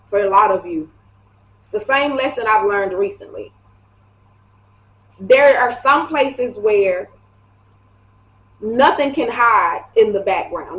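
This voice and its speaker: A woman giving a casual tarot reading to camera, chatty and animated, laughing often as she talks. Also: mid-range voice. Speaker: tarot reader. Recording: echoey room.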